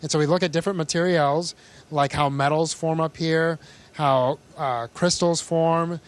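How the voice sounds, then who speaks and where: A man's voice: on the high side, steady tone, normal speed. A man speaking as an astronaut, answering questions informally and explaining things in plain words. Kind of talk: answering questions in a live link-up.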